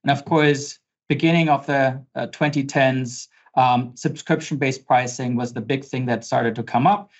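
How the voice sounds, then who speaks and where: A man's voice: mid-range voice, steady tone, normal speed. A man in his forties with a German accent, presenting a webinar from his office in a conversational way, with many fillers and repeated words. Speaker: pricing consultant presenting a webinar. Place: home office. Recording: slightly dull lo-fi audio.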